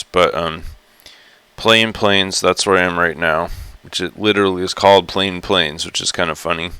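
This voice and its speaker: A man in a rough, gravelly morning voice, rambling chattily through a casual live stream with lots of fillers and restarts. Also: deep voice, sharp tone, no room sound. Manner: rambling, chatty, many fillers and self-corrections. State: groggy just-woken morning voice. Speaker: live streamer exploring a virtual world.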